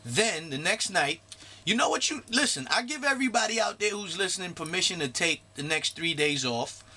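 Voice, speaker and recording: A man from Guyana, a guest artist talking casually in a radio interview, laid-back and quick to laugh. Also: sits high, expressive, sharp tone. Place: radio studio.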